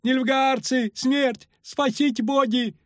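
A man's voice: steady tone, slow, no room sound, studio quality. A man voicing a panicky rustic male ferryman who shrieks in country dialect. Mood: terrified. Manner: shrill, wailing, rustic dialect.

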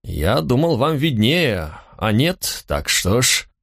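A man's voice: medium pitch, sing-song, slow, gravelly, fairly bright tone, dry recording, studio quality, exaggerated voice. A man voicing a fussy middle-aged innkeeper who talks in a raised, folksy, chattering way. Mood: chatty.

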